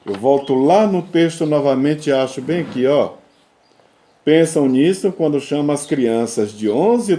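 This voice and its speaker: A male language teacher with a warm, mid-range voice leads a remote class, explaining things step by step and frequently checking in with his students. The recording has a roomy echo.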